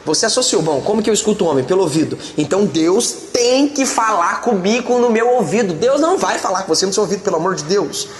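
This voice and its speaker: A man's voice: high voice, lively intonation, fast talker, few pauses, a little hiss or hum. A man preaching a sermon as a pastor, emphatic and colloquial, talking straight to his listeners. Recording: echoey hall with reverb and faint ambience.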